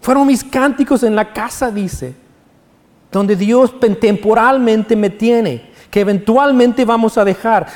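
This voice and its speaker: Male pastor, sermon delivery, higher voice, reverberant hall sound. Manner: preaching with sung quotes of songs.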